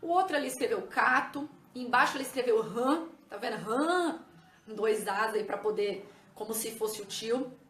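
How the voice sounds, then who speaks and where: A woman teaches a lesson in a high, clear voice. She explains patiently and keeps checking that her viewers follow. The room around her rings with echo. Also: animated, moderate pace, fairly bright tone. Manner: patient, addresses viewers as "gente", checks with "ok?" and "tá vendo?". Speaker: teacher and educational psychologist. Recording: echoey room.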